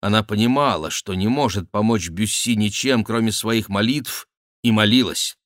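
Measured male audiobook narrator. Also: lowish voice, a bit bright, dry recording, clean studio sound. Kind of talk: scripted narration of an adventure novel.

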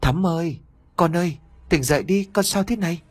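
A man's voice: mid-range voice, animated, normal speed, breathy edge, no room sound, pitched above the performer's own voice. A man voicing a frantic, tender older mother-in-law who pleads anxiously. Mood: anxious pleading.

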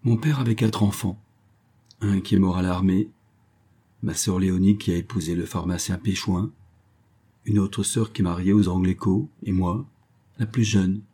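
Brief: male reader voicing an old spinster, gruff turning wistful, deep and husky. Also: steady tone, moderate pace, pauses often. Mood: reminiscing. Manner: gruff voice softening into wistful confiding. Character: stern old spinster neighbor, secretly sentimental. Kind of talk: audiobook reading.

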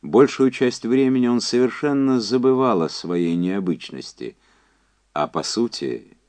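A man with a medium-pitched voice narrates an audiobook from a script, telling the story in a measured, even manner.

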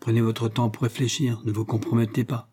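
A man reading a lively young woman. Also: mid-range voice, a little fast, slight background noise, lightly acted. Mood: polite. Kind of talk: audiobook character reading.

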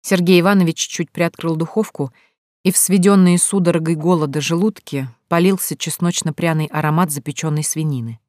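A steady audiobook narrator reads the story in an even, measured way. The voice sits at a middle pitch, and the recording is dry and close. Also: no echo. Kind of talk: scripted narration.

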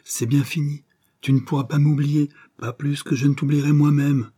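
A man's voice: on the high side, flat delivery, moderate pace, warm tone, husky, pitched above the performer's own voice. A male audiobook reader voicing a scheming, seductive female adventuress who coaxes and insists theatrically. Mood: passionate. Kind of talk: audiobook character reading.

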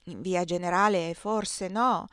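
A woman reading an audiobook, voicing an anxious, earnest young woman who pleads and rises to high exclamations. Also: steady tone, takes it slowly, fairly bright tone, clean tone, dry recording, studio quality.

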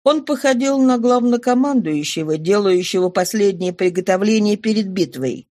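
A woman narrating a classic novel as an audiobook in an even, measured storytelling manner. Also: medium pitch, dry recording, studio quality.

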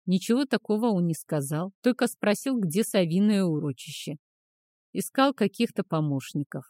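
A woman's voice: fairly low pitch, animated, moderate pace, a little mellow, no room sound, clean studio sound, lightly acted. Woman voicing a polite orphan boy. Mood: polite, quiet. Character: polite modest teenage orphan boy apprentice.

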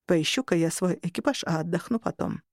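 A hesitant male android starship captain, voiced by a woman reading a story aloud, pitched low and spoken softly with a halting, uncertain delivery. The sound is dry and close. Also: animated, no echo.

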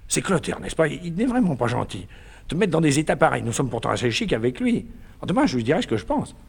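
A man's voice: a little high, big pitch swings, fast, gravelly, breathy edge, full character voice. A man playing a naive, doting man who fusses tenderly over a woman, in a 1950s stage comedy recording. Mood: worried, tender. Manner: tender, fussing and chattering. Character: doting, fussy, naive middle-aged man.

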